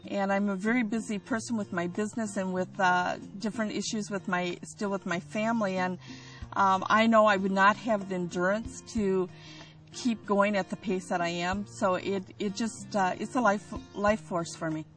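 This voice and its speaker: Female customer, off-mic sound, halting unscripted endorsement over light guitar music. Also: medium pitch, steady tone, fairly bright tone. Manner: halting, searching for words. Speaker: customer giving testimonial. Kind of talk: unscripted testimonial. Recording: distant microphone.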